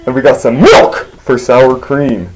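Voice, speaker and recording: A man's voice: medium pitch, fairly even intonation, a little slow, background noise, lightly acted. A man voicing a laid-back skeleton telling a story. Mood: rambling. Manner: rambling, absurd, full of restarts. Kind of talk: rambling comedic storytelling.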